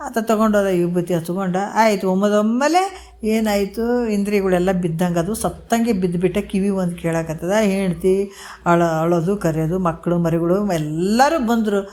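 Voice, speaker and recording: Animated woman telling a spiritual parable. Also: medium pitch, moderate pace. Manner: animated storyteller, acts out voices in quotes. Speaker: spiritual discourse speaker. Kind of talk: Kannada religious discourse with storytelling.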